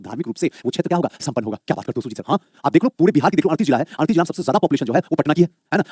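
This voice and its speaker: Slightly rough and on the high side, a man's voice leads a live online exam-prep history lecture. He's quick and animated, coaxes students with the word "babu," and repeats his own questions before answering them. The recording is dry and studio quality.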